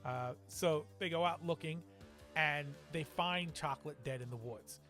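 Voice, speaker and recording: A man's voice: fairly high pitch, unhurried, fairly bright tone, faint music behind. A man co-hosting a movie review podcast, talking casually and wryly, often laughing. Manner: wry, sarcastic, laughs often. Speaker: podcast co-host.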